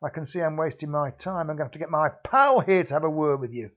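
Here the same kind of menacing secret-service thug comes through a man's fast, natural voice with fairly high pitch. He threatens and sneers behind a mock-polite front, on a dull lo-fi recording.

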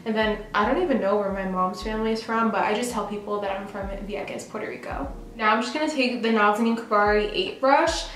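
A young New York woman, a beauty vlogger, chats casually in her bathroom at home during a get-ready-with-me video, peppering her talk with "like." Her medium-pitched, slightly bright voice moves fast with hardly any pauses. The audio is poor and roomy, with slight background noise.

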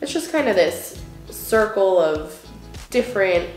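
In another clip, the young woman's voice is medium in pitch with lively intonation and a slightly slow delivery. The room is reverberant, faint music plays behind, and a camera films her from across the indoor space as she does her makeup. A beauty vlogger in a casual get-ready-with-me chat, she's chatty, a little sniffly, heavy on fillers, and musing about worries.

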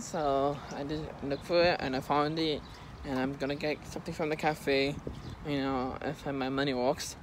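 A young man chatting casually to his phone held at arm's length, rambling and correcting himself as he walks outdoors and rides the bus. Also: fairly high pitch. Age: young adult. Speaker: vlogger. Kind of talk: casual vlog. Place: outdoors on streets and on a city bus. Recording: loud street and bus noise.

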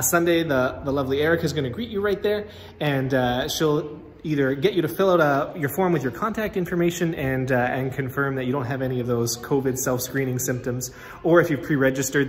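A man's voice: mid-range voice, a little hiss or hum. A man in his thirties, a pastor, chatting casually with many fillers and restarts as he walks through an empty church, filmed on a phone at arm's length. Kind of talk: casual walkthrough video. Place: inside an empty church building. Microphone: phone held at arm's length. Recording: reverberant hall with faint ambience.

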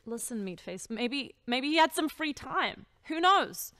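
An actress playing a brash, excitable woman who talks in a rapid, insistent way. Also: sits high, no room sound, full character voice. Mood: excited.

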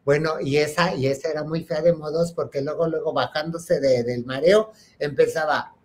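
A man's voice: fairly high pitch, fairly even intonation, moderate pace. A man with a Mexican accent hosting a show, telling a comic gossipy party story and addressing listeners as sisters. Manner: acts out friends' voices in quotes. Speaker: host.

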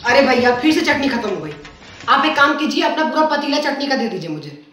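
A man's voice: very high voice, very animated, fairly quick, pushed and bright, soft background music, exaggerated voice. Young man as a pushy chutney-hungry customer, whiny demands, recorded from afar in a roomy space. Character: greedy male customer demanding endless chutney. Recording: roomy, from far off.

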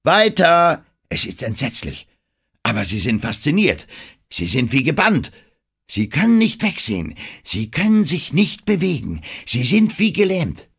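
A man's voice: on the high side, wildly swooping pitch, measured pace, creaky, husky, pitched above the performer's own voice, full character voice. A man voicing a driven male film director who urgently coaches an actress through a scene in an audiobook. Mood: insistent. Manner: commanding, urgent, rising to shouts.

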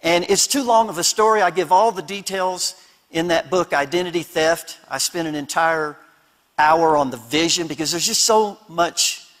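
Male pastor, high voice, homespun storytelling sermon with emphatic repeats; long church-hall reverb. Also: fairly bright tone. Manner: storytelling, humorous and down to earth; emphatic repetition. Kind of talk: conference sermon.

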